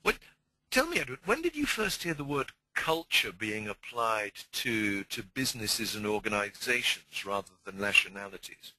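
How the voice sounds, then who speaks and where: A man's voice: fairly low pitch, sing-song, normal speed, sharp tone, slight background noise, poor audio. A man, a communication trainer, explaining his ideas conversationally in an interview and often repeating words as he searches for the phrase.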